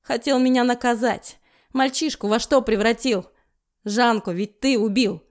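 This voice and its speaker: A woman reading an audiobook voices a tough, gruff man who barks orders and taunts. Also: fairly high pitch, steady tone, unhurried, darkish tone, close to an everyday voice. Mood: cold. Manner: gruff, commanding. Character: tough commanding man shielding his woman.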